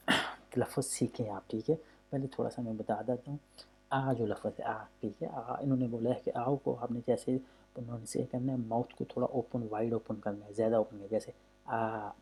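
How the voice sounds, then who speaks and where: A man's voice: mid-range voice, dark tone. A man teaching a language lesson from a textbook, explaining patiently and repeating himself, drawing out vowel sounds to demonstrate them. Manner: patient, repetitive, often says "okay" between points.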